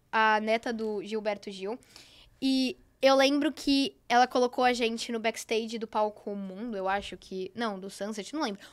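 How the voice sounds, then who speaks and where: Bubbly young Brazilian woman, bright high voice. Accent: Brazilian Portuguese. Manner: bubbly, gushing storyteller. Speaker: guest. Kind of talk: casual podcast chat.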